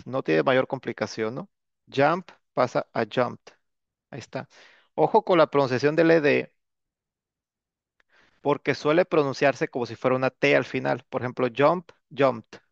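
Teaching English grammar casually, this man keeps tagging his lines with "¿no?" and filling gaps with "este". The medium-pitched, fry-tinged voice comes through a dull, dry, lo-fi recording without any room sound.

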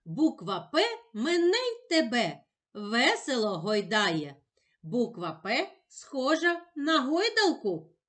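A woman teacher talks young children through a lesson in a patient, encouraging way. Her voice sits a little high and swings widely with expression, and she sounds every word out slowly and carefully. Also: huge pitch swings, a bit bright. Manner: slow, carefully sounded-out speech.

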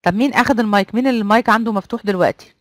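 A woman's voice: mid-range voice, very fast, dry recording. A woman with an Egyptian accent, teaching a live online class and coaxing students to take part by repeating prompts. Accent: Egyptian Arabic. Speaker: online trainer.

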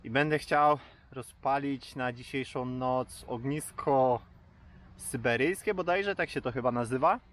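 A man talking casually to the camera as a vlogger, halting and pausing mid-sentence. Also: medium pitch. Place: outdoors at a lakeside campsite. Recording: faint wind and outdoor noise.

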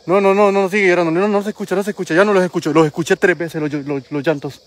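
A man's voice: sits high, steady tone, fast talker. Jittery Honduran man ghost-hunting at night. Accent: Honduran Spanish. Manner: jumpy, alternating whispers and frightened exclamations. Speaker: paranormal vlogger. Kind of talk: ghost-hunting vlog narration.

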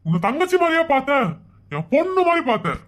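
A man's voice: very high voice, very animated, fast, a bit bright, heavily acted. A man voicing a melodramatic, self-pitying husband. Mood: lamenting. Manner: mournful, melodramatic lamenting. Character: sentimental, melodramatic married man lamenting his betrayal. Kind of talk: animated comedy voice acting.

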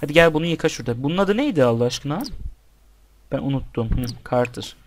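A young man talks through his gameplay in a casual way, addressing the characters on screen and his viewers by turns. His pitch sits in an ordinary middle range. A faint noise and some clicking run under the recording. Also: animated, fast. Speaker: gameplay commentator. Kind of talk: casual let's-play commentary.

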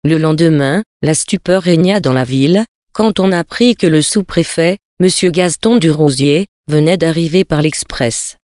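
Measured storybook narrator, dry sound. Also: mid-range voice, a little mellow, no room sound. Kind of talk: audiobook reading of a period tale.

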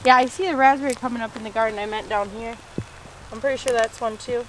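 A woman in her thirties chatting casually on a homestead vlog, outdoors in the garden, easily excited and quick to laugh. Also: fairly high pitch, a little hiss or hum. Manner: excitable, gasping and laughing at surprises. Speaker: homesteading vlogger. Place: outdoors in a rainy farm garden. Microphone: handheld camera mic.

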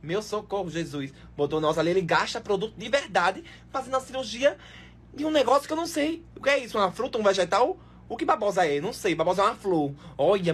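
A man with a Northeastern Brazilian accent giving comic reaction commentary on videos, full of quick exclamations and mock outrage. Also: extremely high pitch, a bit bright, breathy edge.

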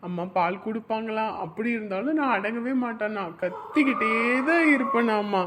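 A man calmly telling his life story in a drama, unhurried and even. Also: high voice, background noise. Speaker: narrator in the drama.

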